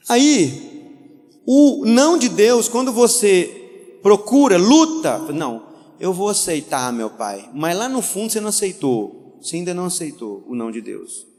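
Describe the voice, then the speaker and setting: A man preaching a lively sermon as pastor, telling anecdotes and acting out the voices in them. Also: a little high, long reverb tail. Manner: animated storytelling, acts out voices, laughs.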